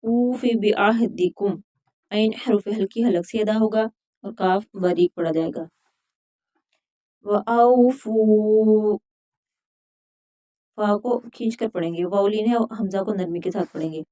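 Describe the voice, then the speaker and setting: A woman teaching Quran recitation rules, chanting verses slowly and then explaining each letter in plain talk. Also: mid-range voice, mellow. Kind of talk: recitation and tajweed instruction.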